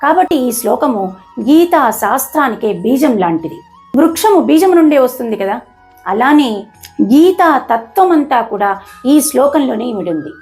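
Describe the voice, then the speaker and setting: A woman hosting a lesson, explaining verse pronunciation slowly and carefully, syllable by syllable, with English words mixed in. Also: high voice, big pitch swings, darkish tone, faint music behind. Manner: mixes English words into the talk. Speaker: host and Gita teacher.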